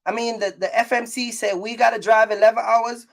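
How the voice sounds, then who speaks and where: His pitch is extremely high, his tone steady and gravelly, his pace a little fast: a middle-aged trucking business owner and content creator talking casually to his vlog audience. He's emphatic and repetitive, regularly checking that people follow him.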